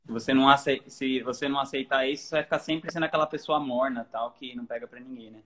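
A man hosting a casual interview podcast. He speaks in a calm, reserved, soft-spoken way, at a medium pitch, and his voice has a bright edge. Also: fast talker. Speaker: podcast host.

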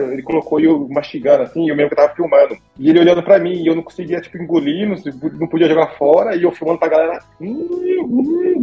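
A Brazilian man with a Brazilian Portuguese accent, telling animated travel stories as a guest in a casual interview. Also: on the high side, breathy edge, dull audio. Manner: animated, acts out the people in his stories.

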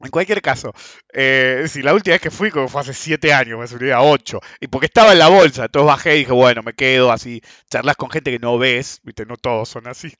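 Animated Argentine man telling stories. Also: medium pitch, no echo. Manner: frequent throat-clearing, chuckles through the telling. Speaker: podcast host. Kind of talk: casual anecdotal storytelling. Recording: dull lo-fi dry sound.

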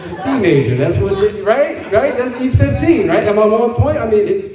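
A man's voice: sits high, animated, normal speed, very echoey, very noisy. A middle-aged man doing a stand-up comedy set, telling loose, profane stories and laughing often. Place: live comedy venue with audience. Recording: distant room recording with loud crowd. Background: audience laughter and applause.

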